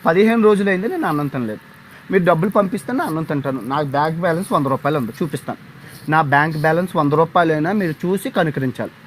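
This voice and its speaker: Young man, Telugu accent, fast sarcastic livestream rant, slightly high voice, faint background hiss. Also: expressive. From India. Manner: sarcastic, pleading, theatrical. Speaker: travel vlogger on a livestream.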